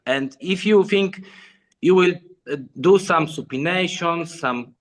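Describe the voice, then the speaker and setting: Man, 30s, calm, plain-spoken, video call guest, higher pitch. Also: slow pace. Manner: calm, plain-spoken, simple non-native phrasing. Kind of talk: casual video-call chat.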